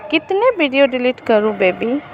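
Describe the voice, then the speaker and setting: A woman's voice: fairly high pitch, sing-song, normal speed, highs cut off, a little hiss or hum. A woman voicing a smug young man who blackmails his girlfriend, in a mocking, coaxing tone. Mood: taunting.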